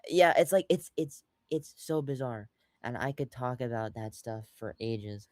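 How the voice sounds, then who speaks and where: A man's voice: medium pitch, lively intonation, a little slow, a little mellow, no echo, clean studio sound. A young man co-hosting a podcast, rambling through casual chat with lots of fillers and restarts, acting out quotes along the way. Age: young adult. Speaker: podcast co-host.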